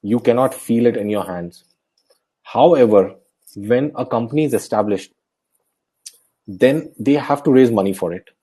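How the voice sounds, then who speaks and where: A young man giving a soft-spoken, explanatory webinar lecture as a guest speaker, often correcting himself mid-sentence. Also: mid-range voice, normal speed, long pauses, husky, rough recording.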